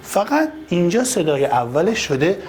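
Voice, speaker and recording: A man teaching first graders to read, sounding out letters slowly and repeating each one, with sudden high, lively bursts when he calls out to the children. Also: a little hiss or hum. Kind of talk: children's reading lesson.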